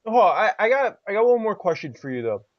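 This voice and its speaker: A man's voice: high voice, very animated, no echo. A man co-hosting a podcast who asks questions and cracks dry jokes in casual chat. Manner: joking, quick-witted interviewer. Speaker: podcast co-host. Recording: dry, muffled lo-fi audio.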